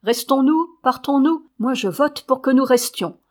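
A woman's voice: high voice, unhurried, pitched above the performer's own voice. Woman reading a talkative young soldier. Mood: lively.

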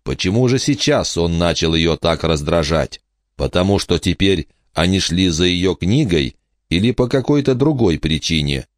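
A man narrates a fantasy audiobook in a measured, even manner. His voice is extremely deep, and the recording is dry and close. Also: no echo. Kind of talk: scripted narration.

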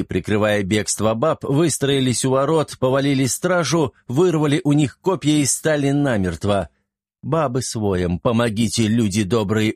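A man narrating a fantasy audiobook in a brisk, vivid storytelling manner. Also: medium pitch, a little mellow, dry recording, studio quality.

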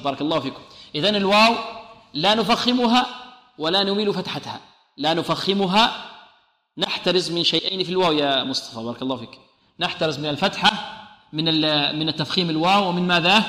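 A man teaching a Quran recitation lesson, who patiently sounds out letters slowly and often praises and blesses his students. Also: fairly high pitch, pushed and bright. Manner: patient, demonstrates sounds slowly and repeats them. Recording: echoey hall reverb.

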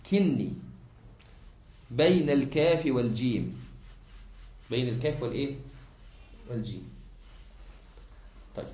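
A man with an Egyptian accent, teaching a lesson as a sheikh, often pausing to have students fill in the word and repeating points. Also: medium pitch. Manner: asks the class to fill in words, repeats points. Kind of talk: classroom lesson. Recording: echoey hall, muffled lo-fi.

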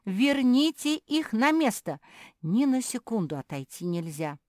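A woman voices a whiny, flustered seamstress pug sister, pitching above her own voice while staying close to an everyday sound. Her mid-range voice has lively intonation at a normal speed, and the recording is dry and studio quality.

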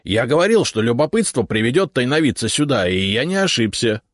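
A man's voice: medium pitch, big pitch swings, a little fast, no room sound, studio quality, voice pushed up. A man voicing the curious, enthusiastic left head of an ancient three-headed dragon guardian, argumentative and triumphant. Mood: eager.

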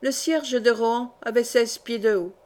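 A woman's voice: fairly high pitch, normal speed, darkish tone. Woman reading a historical novel aloud. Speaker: audiobook reader. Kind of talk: audiobook narration of a historical novel.

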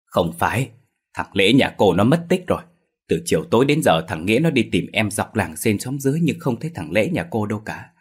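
A man's voice: lowish voice, big pitch swings, breathy edge. A man voicing an alarmed old village man bringing bad news. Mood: urgent. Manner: hurried, urgent.

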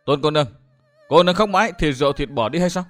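A man reading a story aloud and voicing a calm, good-humoured young swordsman who teases gently and chuckles. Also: a little high, fast, faint music behind, lightly acted. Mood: gentle teasing.

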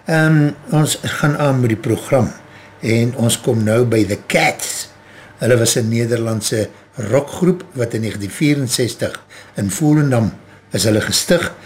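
A South African man presenting a radio music show, relaxed and rambling, with many hesitations. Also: medium pitch. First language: Afrikaans.

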